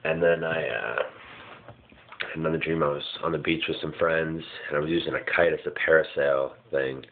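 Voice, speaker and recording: A man's voice: rumbling low, fairly even intonation, moderate pace. A man casually recounting his dreams in a hazy, puzzled way, vague and often searching for words. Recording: muffled phone-like lo-fi sound.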